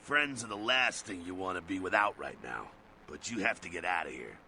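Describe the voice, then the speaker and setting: A gruff, streetwise vampire from a video game who talks in an urgent, blunt, sardonic way. His voice is low but swings widely in pitch, with a bright, forceful edge, and a faint hiss sits behind it. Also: animated, moderate pace, exaggerated voice.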